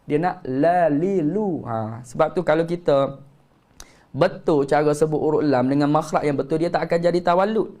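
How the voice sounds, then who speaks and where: Teaching tajwid over a live stream, a man with a Malaysian Malay accent patiently corrects students and demonstrates recitation slowly. He speaks on the high side with a darkish tone.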